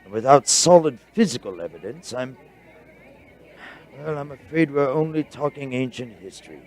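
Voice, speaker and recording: Here the actor's excitable, bookish scholar from the radio drama comes through at medium pitch, close to his everyday voice. It stays husky, with a halting, explanatory manner.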